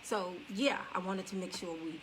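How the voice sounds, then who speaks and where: A woman co-hosting a casual faith-based marriage chat on a live stream, lively and teasing. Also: lowish voice, moderate pace, noisy background. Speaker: co-host, wife.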